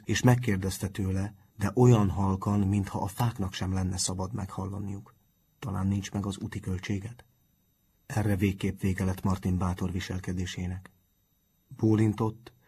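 A man calmly reading a children's story aloud as narrator. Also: low voice, slightly rough. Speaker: audiobook narrator.

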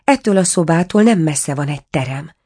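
A plaintive, pleading owl princess under a spell, put on by a woman reading a storybook. She speaks a little higher and livelier than plain narration, in a low-set voice. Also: lively intonation, darkish tone, slightly rough. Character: enchanted princess turned owl, sorrowful.

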